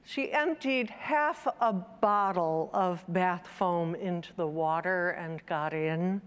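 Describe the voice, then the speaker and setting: A woman reading a children's story aloud, then reflecting in a measured, gentle sermon. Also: lowish voice, smooth. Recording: long hall reverb.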